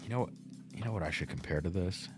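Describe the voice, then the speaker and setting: A man's voice: low-pitched, fast talker, over music. A man in his thirties hosting a casual livestream tasting, thinking aloud and reacting to chat. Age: 30s. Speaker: host.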